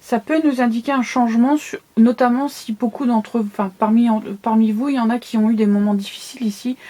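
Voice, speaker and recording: Lisping woman with braces, mellow higher voice. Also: steady tone, brisk. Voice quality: lisp from new dental braces. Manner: conversational, explanatory, often checks listener follows. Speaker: tarot card reader. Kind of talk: casual monthly tarot reading to viewers.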